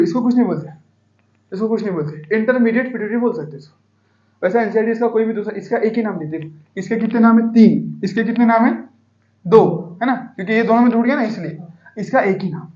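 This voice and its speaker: This Hindi biology lecture comes from a man with a high-pitched, mellow voice who repeatedly quizzes students, having them call out answers. The room echoes, and the highs are cut off.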